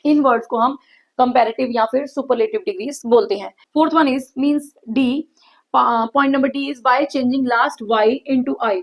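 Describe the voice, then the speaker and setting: An Indian woman teaching an English grammar lesson in Hindi, reading out each rule slowly and deliberately. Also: sits high, gravelly, rough recording.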